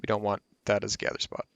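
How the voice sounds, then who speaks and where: A man's voice: fairly low pitch, monotone, normal speed, creaky, a bit bright, no room sound. A man hosting a casual gameplay tutorial who rambles and corrects himself mid-sentence as he explains. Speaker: game tutorial host.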